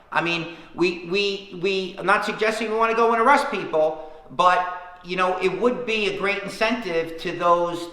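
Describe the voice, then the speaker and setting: A town official answering questions on a conference call, his voice bright and a touch high for a man. He speaks earnestly, leaning on his points and counting them off one by one. The line carries a hollow, roomy echo. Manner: earnest, emphatic, lists points by number. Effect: heard over a conference call line. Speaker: town official leading a public teleconference. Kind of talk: public Q&A answers.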